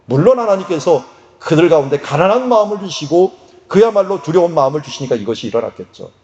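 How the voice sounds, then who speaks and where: Lively, mellow-voiced preaching man. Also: on the high side, quick pace, dull audio. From Korea. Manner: lively, conversational preaching with acted quotes. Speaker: pastor. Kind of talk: sermon.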